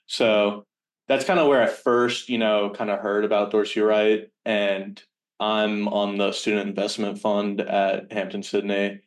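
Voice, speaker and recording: Sounding a good way from the microphone, a man in his early twenties gives casual interview answers as a podcast guest. His voice is on the low side and very monotone. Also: unhurried. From Virginia, United States. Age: early 20s. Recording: distant from the microphone.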